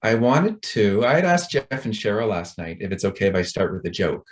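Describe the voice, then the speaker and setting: A middle-aged man with a fairly low voice gives a conference talk over a video call. He is chatty and rambling, with a self-deprecating manner. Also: sing-song, brisk. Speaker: conference speaker.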